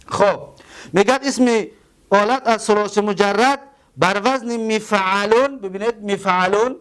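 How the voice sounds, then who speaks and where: A man with a Tajik accent teaching a grammar lesson. He goes slowly, repeats words and spells them out letter by letter. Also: sits high, smooth.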